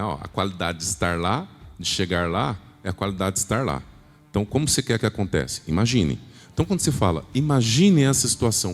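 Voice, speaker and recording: A man giving an emphatic motivational sales talk at a church event, often asking the audience questions. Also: medium pitch. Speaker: business speaker at a church event. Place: large church hall. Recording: long hall reverb, faint music.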